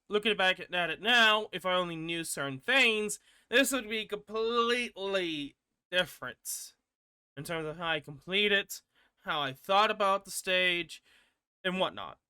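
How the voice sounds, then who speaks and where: A man's voice: high-pitched, lively intonation, unhurried, pushed and bright, clear, resonant tone, no echo, studio quality. A man hosting a gaming channel, giving casual rambling commentary with frequent restarts and casual swearing.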